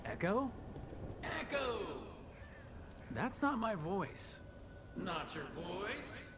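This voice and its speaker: A man voicing an eerie figure who calls up from inside a well, slow and questioning, sounding distant and hollow. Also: high-pitched, big pitch swings, background noise, exaggerated voice. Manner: slow, questioning, echoing words back. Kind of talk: video game voice acting.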